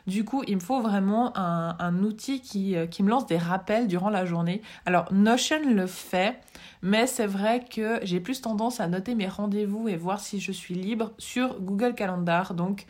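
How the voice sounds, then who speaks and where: A woman's voice: medium pitch, normal speed, a little mellow. A young woman chatting casually as she gives organization advice straight to her viewers, with plenty of fillers and restarts. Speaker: vlogger giving organization tips. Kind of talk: casual advice talk to camera.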